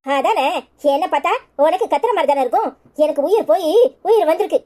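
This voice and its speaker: A woman playing a sharp-tongued cartoon woman with a high voice who scolds briskly and firmly. She speaks with a Tirunelveli Tamil accent. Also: lively intonation. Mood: scolding.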